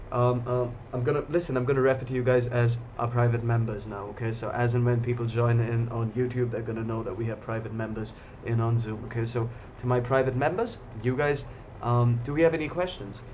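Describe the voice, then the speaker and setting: Casting note: a male trading host, casual and chatty, mid-pitched, talking to viewers, slightly dull lo-fi audio. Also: steady tone, a little fast, hardly any pauses, slight background noise. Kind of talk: live market commentary.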